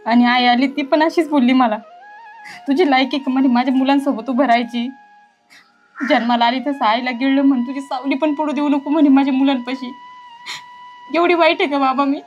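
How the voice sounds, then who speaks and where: A woman's voice: sits high, fairly even intonation, brisk, lo-fi sound, lightly acted. An actress playing a mistreated young stepdaughter, crying and pleading with her father, with faint music behind. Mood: tearful. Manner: tearful, pleading. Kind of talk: village drama acting.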